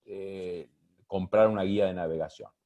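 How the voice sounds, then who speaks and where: Halting man doctor on a call. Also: deep voice, fairly even intonation, warm tone. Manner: halting, with fillers. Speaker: doctor on a webinar panel. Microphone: video call.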